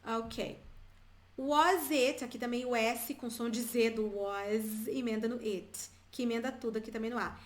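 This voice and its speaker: A Brazilian woman teaching English to viewers, chatty and repeating example phrases slowly for learners. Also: a little high, fairly even intonation, roomy sound. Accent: Brazilian Portuguese. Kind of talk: bilingual English lesson, addressing viewers.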